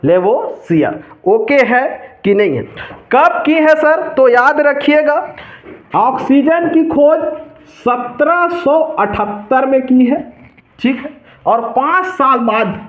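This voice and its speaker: A man's voice: very high-pitched, expressive, slow. A male teacher with a Chhattisgarhi accent giving an exam-prep chemistry lesson, asking questions and repeating the answers. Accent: Chhattisgarhi Hindi. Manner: call-and-response quizzing, repeats key answers. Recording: tinny, echoey lo-fi room audio.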